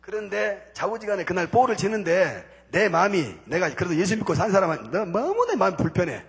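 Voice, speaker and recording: A man's voice: high-pitched, big pitch swings, a little fast, breathy edge. A man giving a spoken testimony from a church pulpit, telling his story emphatically with punchy repeated intensifiers. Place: church sanctuary before a congregation.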